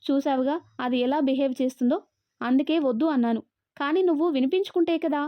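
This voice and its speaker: A woman reads as a hot-tempered young husband, curt and short with people, his voice only a little lower than hers and still fairly high. The audio is dry and dull. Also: fairly quick, no room sound, close to an everyday voice. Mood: irritated. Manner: curt, irritated.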